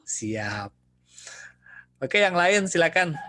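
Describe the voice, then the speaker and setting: A man's voice: a little high, big pitch swings, very slow, sharp tone. A man lecturing students over a video call in a casual, joking, chatty way. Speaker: university lecturer. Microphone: video call computer mic.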